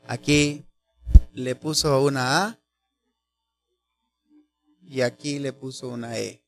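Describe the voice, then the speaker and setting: A man preaching a sermon, teaching slowly and deliberately, asking his listeners rhetorical questions and stretching out key phrases for emphasis. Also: medium pitch, steady tone, soft background music.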